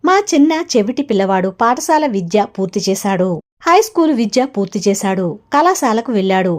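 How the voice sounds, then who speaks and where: A woman narrating a self-help audiobook in a steady, measured reading voice. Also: on the high side.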